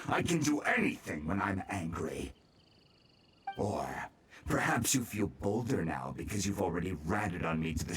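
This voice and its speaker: Blustering bandit villain, wildly swinging pitch. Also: male voice, distant mic, a little hiss or hum. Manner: threatening, sneering, theatrical. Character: menacing, blustering bandit kidnapper, adult man, short-tempered. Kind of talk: English video game voice acting.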